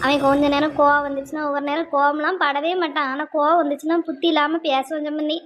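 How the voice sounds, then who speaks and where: Someone voicing a squeaky fretful old cartoon mother-in-law. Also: level tone, a bit bright, a little hiss or hum. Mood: pleading. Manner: pleading, rapid and insistent. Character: worried elderly mother-in-law, pleading and fretful. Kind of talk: cartoon family drama.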